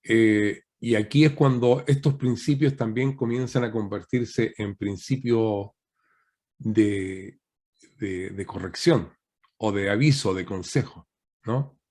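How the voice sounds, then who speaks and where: A man's voice: on the low side, slow pace, a little mellow. A man, a guest pastor, preaching a teaching sermon over a video call, asking rhetorical questions and often ending points with a questioning tag.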